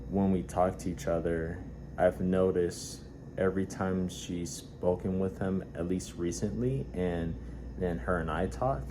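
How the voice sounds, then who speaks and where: A man with a congested nose talking casually and haltingly to his audience, recorded in a warehouse. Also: low voice. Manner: halting, hesitant delivery with repeated words and pauses. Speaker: vlogger. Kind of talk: casual rambling talk. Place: warehouse at work. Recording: noisy warehouse ambience.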